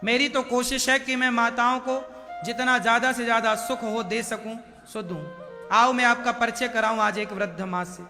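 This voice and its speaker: Male katha preacher, high voice, booming hall reverb with music under it; storytelling sermon with chanted verses. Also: steady tone, moderate pace, sharp tone. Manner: chants Sanskrit verses, acts out dialogue.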